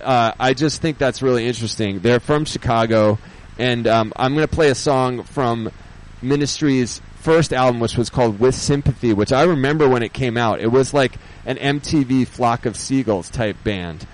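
Halting, rambling man hosting casual radio. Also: mid-range voice, poor audio. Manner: halting, rambling, thinking aloud. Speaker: radio host and DJ. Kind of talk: casual, off-the-cuff radio chat.

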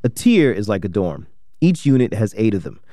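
A man's voice: fairly low pitch, sing-song, normal speed, warm tone, dry recording, clean studio sound. A man hosting an investigative radio program, reading scripted documentary narration.

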